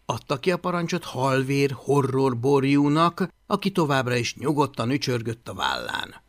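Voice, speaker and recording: A man reading a children's fantasy audiobook aloud with expressive storytelling. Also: medium pitch, no echo, clean studio sound. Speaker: audiobook reader. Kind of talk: audiobook narration.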